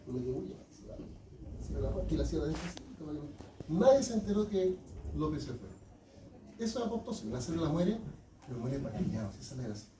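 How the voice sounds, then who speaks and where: A man's voice: on the high side, sing-song, quick pace, noisy background. A man teaching a class, often checking in with his students. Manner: asks students frequent check-in questions. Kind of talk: classroom lecture. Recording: echoey classroom from far off.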